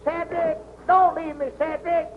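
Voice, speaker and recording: An actor playing a gullible old country storekeeper with a drawl, folksy and quick to holler, in 1940s film comedy. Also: male voice, very high voice, expressive, a loud crowd. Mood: panicked. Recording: tinny, hissy 1940s film soundtrack.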